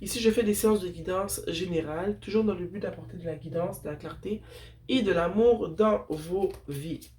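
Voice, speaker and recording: A woman's voice: fairly low pitch, moderate pace, darkish tone, slight background noise. Congested, sniffly woman giving tarot guidance. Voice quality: congested, nasal. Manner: informal, affectionate address to viewers. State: sick with blocked, sniffly nose. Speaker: tarot reader. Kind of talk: casual spiritual guidance chat.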